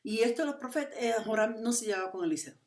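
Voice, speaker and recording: A woman's voice: a little high, fast talker, roomy sound, recorded from a distance. Woman preacher, mic set back. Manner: storytelling, rhetorical questions, animated retelling. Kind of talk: sermon.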